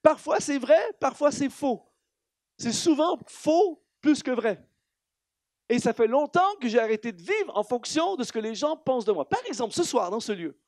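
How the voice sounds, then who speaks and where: A man from Canada with a Canadian French accent, preaching an animated sermon in a church, building to emphatic rhetorical questions. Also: very high-pitched, normal speed, dry recording. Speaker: guest preacher. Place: church hall.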